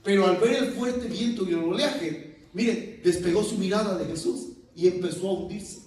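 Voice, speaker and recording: A male pastor preaching a lively sermon, shouting out quoted lines and laughing as he addresses his listeners. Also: high-pitched, normal speed. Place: church. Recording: very echoey church hall, heard from a distance.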